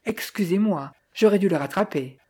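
A woman's voice: mid-range voice, normal speed, warm tone, breathy edge, lightly acted. A woman voicing a polite, joking young man in an audiobook, courteous and wry.

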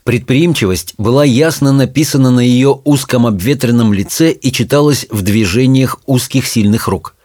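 A man reading a children's fantasy story aloud in an expressive storytelling manner. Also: medium pitch, no echo, studio quality. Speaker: audiobook narrator. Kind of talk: audiobook reading.

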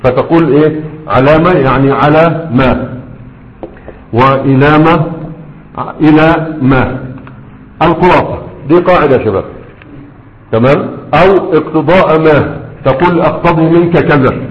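A man with an Egyptian Arabic accent teaching a grammar lesson. He slows down to recite examples and keeps checking that the class follows him. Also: fairly high pitch. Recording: roomy hall echo, dull lo-fi sound.

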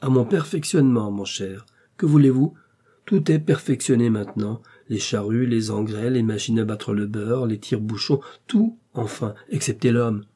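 A man reading aloud, voicing a haughty, sharp-tongued old countess in an audiobook. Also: medium pitch, lively intonation, normal speed, slightly rough. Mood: grandly teasing. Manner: haughty, teasing, emphatic.

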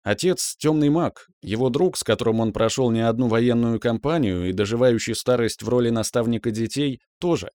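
A man's voice: mid-range voice, a little fast, few pauses, a little mellow, dry recording, lightly acted. A man voicing a cheeky, conspiratorial teenage girl in an audiobook, teasing her brother.

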